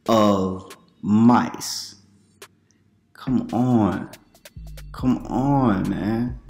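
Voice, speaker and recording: This thirties-aged preacher speaks to camera at home in a loose, conversational style, posing questions and breaking into lively asides. The pitch is medium, and the room gives off an echo.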